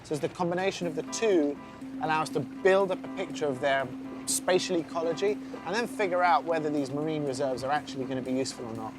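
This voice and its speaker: Higher-voiced man explaining in a documentary interview. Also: fast talker. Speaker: marine scientist interviewee. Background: music under the voice.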